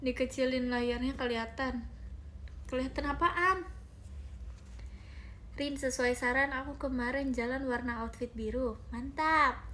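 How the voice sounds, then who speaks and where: A woman's voice: high-pitched, fairly even intonation, a little slow, long pauses, pushed and bright, a little hiss or hum. A young woman chatting casually on a phone live stream from home, giggly and reading viewer comments aloud. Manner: chatty and giggly, often addresses viewers as guys.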